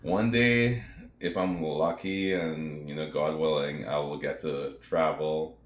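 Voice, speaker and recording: A middle-aged retired veteran from Trinidad and Tobago, chatting casually to camera in a relaxed, rambling way, with fillers and asides to his viewers. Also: extremely low pitch, slow pace. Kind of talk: casual talking-to-camera vlog. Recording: echoey room.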